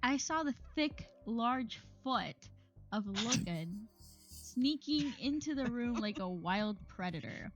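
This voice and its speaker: A woman's voice: a little high, animated, slow pace, faint music behind, rough recording. A woman co-hosting a podcast, reading a romance novel aloud and breaking off for wry comments and laughter. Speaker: podcast co-host.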